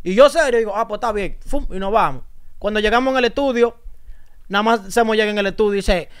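A young man with a very high, clear voice talks fast and hot, piling on complaints. He acts out the lines other people said to him. He talks like an upset guest on a radio interview. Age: young adult. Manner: emphatic, indignant, acts out quoted dialogue. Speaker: music artist guest. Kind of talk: heated casual interview talk.

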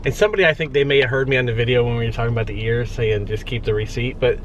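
A man in his forties chatting casually as a vlogger, excitedly reading out prices while shopping. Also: mid-range voice, racing, dull audio. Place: car, then busy store. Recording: busy crowd noise behind.

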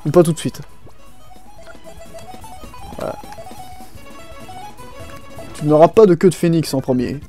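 A man's voice: fairly high pitch, unhurried, pauses often, dark tone. A young man giving casual, joking gaming commentary, rambling and slangy as he plays and reads dialogue aloud. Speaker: video game let's player. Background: faint game music.

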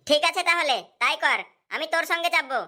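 A woman's voice: sits high, fast, bright, forceful tone. A woman voicing an easygoing young male friend in a cartoon.

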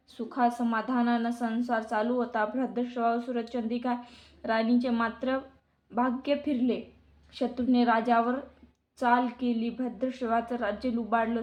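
A woman narrating a devotional story in a steady, even recital. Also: on the high side. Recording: dull lo-fi recording.

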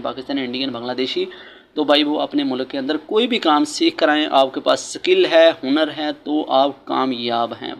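A man's voice: mid-range voice, vocal fry, a bit bright. Man, vlogger, earnest advice, outdoors on a building site, phone camera, faint background noise. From Pakistan. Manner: earnest, advice-giving, repeats key points. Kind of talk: casual vlog commentary.

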